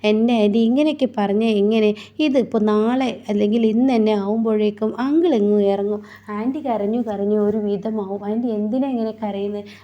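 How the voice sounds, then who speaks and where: A woman's voice: medium pitch, fairly quick, dark tone, lightly acted. A woman voicing a young woman who pleads with and reassures her crying aunt. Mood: pleading.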